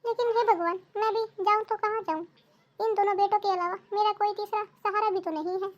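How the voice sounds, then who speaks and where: Woman doing a high-voiced, lamenting old mother-in-law. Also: steady tone, a little fast, highs cut off. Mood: self-pitying. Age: older. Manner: complaining, lamenting. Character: old widowed mother-in-law, hungry and self-pitying. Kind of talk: cartoon voice acting.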